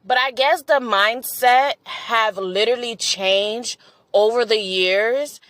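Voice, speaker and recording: A woman's voice: a little high, takes it slowly, a bit bright, dry recording. A young woman hosting a vlog, talking bluntly and casually to camera with lots of profanity. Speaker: vlog host. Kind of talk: casual opinion monologue to camera.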